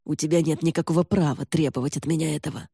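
A man's voice: fairly high pitch, steady tone, fast talker, gravelly, warm tone, breathy edge, dry recording, studio quality. A man reading an audiobook and voicing a gaunt older lord who speaks curtly and snaps commands. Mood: irritated. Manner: curt, commanding, snapping.

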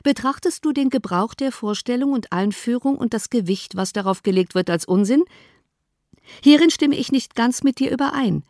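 A woman voicing an ironic, unhurried older father in an audiobook, speaking in a measured, teasing way. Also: on the high side, darkish tone, no room sound, clean studio sound, voice pushed up, close to an everyday voice. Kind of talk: audiobook character voice.

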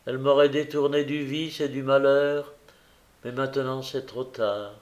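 A man's voice: medium pitch, steady tone, a little slow, lo-fi sound, close to an everyday voice. A man reading the part of a desperate, remorseful young woman who pleads through tears, in a fervent, anguished way.

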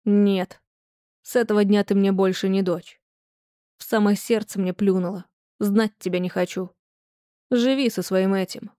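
Brief: woman doing a domineering older grandmother, harsh and scolding, mellow dark tone, dry sound. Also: medium pitch, fairly even intonation, measured pace, pauses often, no echo, close to an everyday voice. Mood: cold, bitter.

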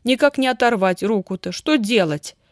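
A woman's voice: fairly high pitch, expressive, moderate pace, dry recording, studio quality, pitched above the performer's own voice, close to an everyday voice. A woman voicing a flustered, tearful elderly telegram carrier who wails and pleads. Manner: wailing, fussy pleading. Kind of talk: audiobook character reading.

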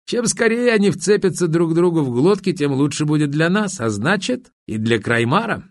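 A man's voice: on the high side, big pitch swings, moderate pace, no room sound, pitched above the performer's own voice. A man reading an audiobook, voicing a fairly young male arms magnate who laughs off a threat dismissively. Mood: mocking.

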